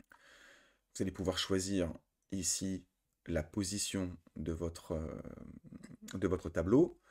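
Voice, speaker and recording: A man from France giving a step-by-step trading software tutorial, talking through settings with frequent fillers and self-corrections. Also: sits low. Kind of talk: screen-recorded software tutorial.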